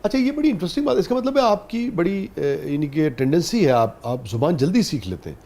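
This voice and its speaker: A man with a Pakistani Urdu accent hosts a talk show interview. His voice is mellow and warm, and his pitch moves around a lot as he speaks. He backs up his guest with frequent short agreements. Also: sing-song. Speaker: host.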